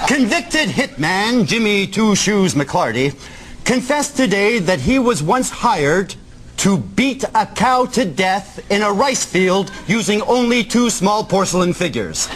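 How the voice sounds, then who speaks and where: Guy playing a deadpan news anchor, high voice, bouncy pitch, lots of hiss. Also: slow pace, full character voice. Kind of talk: parody news reading. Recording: loud hiss behind the voice.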